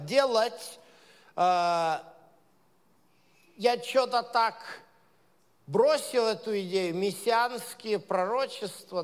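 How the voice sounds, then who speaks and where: A Messianic congregation's leader, high-voiced with a clean tone, delivers a loose, conversational sermon full of hesitations that climbs toward emphatic points. The recording carries a large hall's long reverb.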